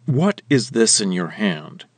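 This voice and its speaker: A deep, stern commanding god, as a man reads him. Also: sing-song, takes it slowly, no room sound, full character voice.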